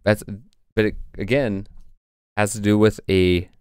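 A man's voice: on the low side, little pitch movement, measured pace, clear, resonant tone, no echo, studio quality. A man co-hosting a casual podcast, reading passages from old texts with frequent fillers. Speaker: podcast co-host presenting research.

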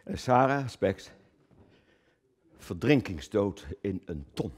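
A man performing a theatrical stage monologue, swinging from booming declamation to low muttered asides, often stammering and repeating words. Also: animated, takes it slowly, breathy edge. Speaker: cabaret performer.

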